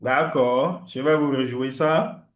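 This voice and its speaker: A man whose first language is French, teaching an English class and slowly repeating words for his students. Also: medium pitch, fairly even intonation. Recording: echoey room.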